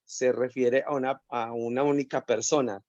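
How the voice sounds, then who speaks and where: On a video call, a course participant with a Colombian Spanish accent hesitantly asks about a spelling rule, repeating words and apologizing. His medium-pitched voice is a little mellow, with fairly even intonation and a moderate pace, in dry, dull audio.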